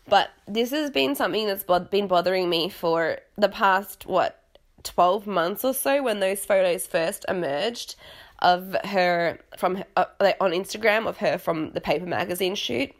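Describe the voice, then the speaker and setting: A young adult woman hosts a podcast, chatting casually about reality TV in a rambling, self-deprecating way. She's dramatic and exclamatory, speaking with a medium-pitched voice at a moderate pace.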